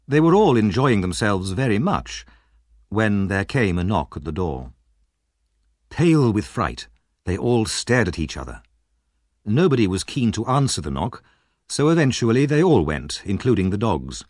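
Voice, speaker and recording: A male audiobook narrator reads a story with a very expressive, moving pitch. His delivery is measured and dramatic, and the recording is dry and close.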